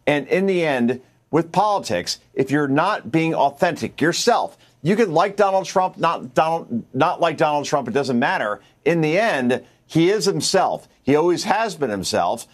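A male pundit with a slightly high voice who argues his point assertively, now and then restarting a phrase mid-thought. He speaks as a contributor on a cable news panel. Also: lively intonation, moderate pace, few pauses. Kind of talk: political commentary.

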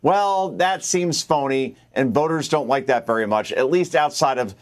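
A man's voice: mid-range voice, normal speed. A man appearing as a guest contributor, giving assertive political commentary with some restarts.

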